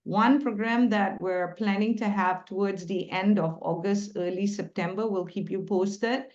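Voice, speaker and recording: Lady hosting a webinar on video call, kinda muffled lo-fi sound, semi-formal n deliberate. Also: mid-range voice, steady tone, a little mellow. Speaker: webinar host. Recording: dull, lo-fi video call audio.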